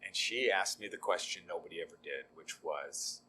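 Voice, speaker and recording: This low, bright, pushed voice with a slight roughness belongs to a middle-aged deacon speaking at normal speed. He's a guest giving a conversational testimony of his faith, relaxed and poking fun at himself, often saying um.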